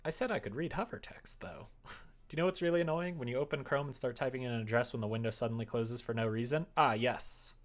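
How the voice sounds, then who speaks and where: A man codes a visual novel on a casual livestream, wryly muttering and thinking aloud as he goes. He talks quickly in a medium-pitched voice.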